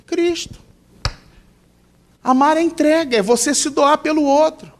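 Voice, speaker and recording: A high-voiced male pastor preaching with animated energy. He fires questions at the congregation and slips into little acted scenes. His tone swings from lively to hushed prayer. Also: a little slow. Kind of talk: sermon.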